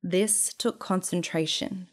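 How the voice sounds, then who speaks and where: A woman's voice: on the low side, fairly even intonation, slow pace. A young woman reading her own memoir aloud in a dry, wry storytelling manner. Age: young adult. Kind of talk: memoir narration.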